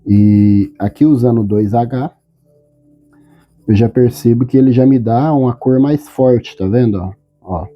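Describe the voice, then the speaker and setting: Calm drawing teacher, man. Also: medium pitch, measured pace, lo-fi sound, soft background music. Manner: calm, patient, often checks in with "tá?" and "ok?". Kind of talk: step-by-step drawing tutorial.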